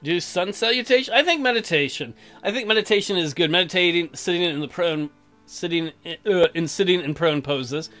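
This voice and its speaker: A man with a high-pitched, sharp voice talks briskly as a gaming video host, giving casual, crude and sarcastic let's play commentary. He swears and reads game text out loud while game music plays behind him.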